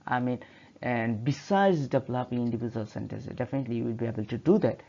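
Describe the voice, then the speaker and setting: Here is a male teacher whose first language is Bengali, explaining grammar over slides in a middle-pitched voice. He hesitates often and restarts his phrases. The audio is somewhat dull and lo-fi. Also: fast, gravelly, warm tone. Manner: hesitant, many fillers and restarts. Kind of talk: narrated slideshow lecture.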